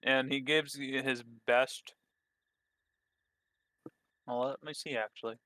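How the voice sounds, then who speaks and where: A man's voice: medium pitch, fairly even intonation, takes it slowly, bright, forceful tone, no room sound. A man narrating as game master of a tabletop game, hesitant, with many fillers and restarts.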